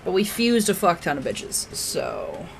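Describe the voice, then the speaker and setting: Blunt, swearing woman podcaster, lowish voice. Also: sing-song, unhurried, creaky, a little hiss or hum. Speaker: podcast co-host. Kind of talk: casual chat.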